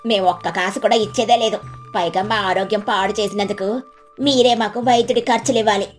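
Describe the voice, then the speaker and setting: A woman's voice: medium pitch, fairly even intonation, fairly quick, soft background music, lightly acted. A woman voicing a greedy, lying village woman who whines and gets flustered in a storybook tale. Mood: complaining. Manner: whining, flustered.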